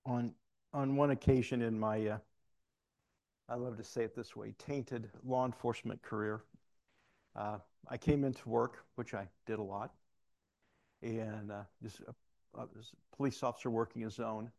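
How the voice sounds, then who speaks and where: A man's voice: mid-range voice, steady tone, normal speed, creaky, long pauses, a little mellow. A middle-aged man preaching a sermon, telling a personal story and acting out the voices of the people in it. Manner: storytelling, acts out quoted voices with asides.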